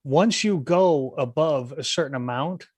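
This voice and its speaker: A man's voice: fairly high pitch, unhurried, a little mellow, breathy edge, dry recording. A man co-hosting a casual morning show, brash and emphatic in his opinionated banter.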